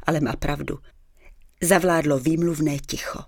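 Woman narrator, dry ironic audiobook reading, low pitch. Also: fairly even intonation, slightly rough, no room sound. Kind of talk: first-person audiobook narration.

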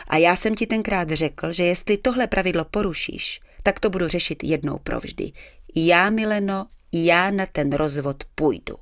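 A woman voicing a stern middle-aged husband who speaks quietly, firmly and darkly. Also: lowish voice, no echo, clean studio sound, close to an everyday voice. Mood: stern reproach.

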